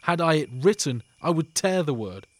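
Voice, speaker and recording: A man's voice: fairly high pitch, expressive, moderate pace, no room sound. A man performing an ardent, devoted young nobleman in a Shakespearean scene, with earnest, declamatory delivery. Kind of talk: Shakespearean stage acting.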